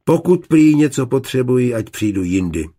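A man's voice: mid-range voice, very animated, warm tone, pitched above the performer's own voice. A man reading an audiobook, voicing an indignant young servant woman with a raised voice. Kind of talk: audiobook character voice.

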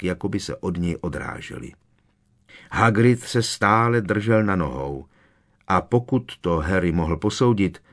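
A man reading a novel aloud as an audiobook narrator, measured and expressive. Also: sits low.

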